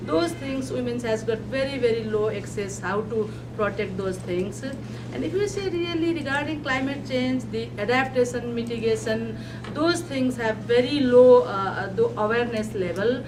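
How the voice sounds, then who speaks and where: A woman from Nepal with a Nepali accent giving a conference talk, pausing often with fillers and restarts. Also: on the high side. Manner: halting, many fillers and restarts. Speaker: panel speaker. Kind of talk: conference presentation. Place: conference hall. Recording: distant mic, noisy hall.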